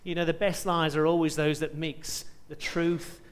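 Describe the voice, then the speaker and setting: Preacher in a reverberant hall. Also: male voice, a little high, flat delivery, normal speed, a little hiss or hum. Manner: reads scripture aloud with rising emphasis, asks rhetorical questions. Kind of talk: sermon.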